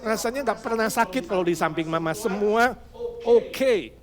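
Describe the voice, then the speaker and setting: A male Indonesian-accented preacher with a notably high voice delivers a lively, joking sermon. He laughs along with the congregation, whose sounds come through clearly behind him. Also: normal speed, a crowd in the background. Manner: animated, jokes and laughs with the congregation, acts out quoted voices. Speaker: pastor. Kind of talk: sermon with humorous storytelling. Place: church hall with congregation.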